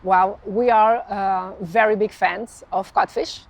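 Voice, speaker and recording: A woman's voice: mid-range voice, fairly even intonation, slow. Portuguese-accented woman, hesitant guest. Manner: hesitant, many restarts, laughs often. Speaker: interview guest, communications professional. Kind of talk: conversational interview answers.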